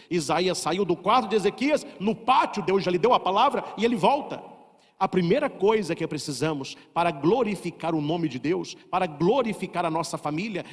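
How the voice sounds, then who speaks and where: A Brazilian priest preaching a sermon, emphatic, with many repeated rhetorical questions. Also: male voice, high-pitched. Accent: Brazilian Portuguese. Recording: long reverb.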